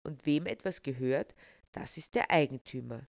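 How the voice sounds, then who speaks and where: A woman's voice: very deep voice, moderate pace, vocal fry, dry recording, lo-fi sound. A woman storyteller reading a children's story aloud expressively.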